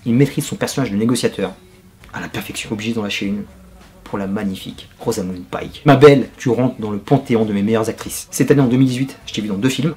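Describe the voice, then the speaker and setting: A man reviewing a film in casual, energetic slang, talking straight to his viewer as host of his channel. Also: medium pitch.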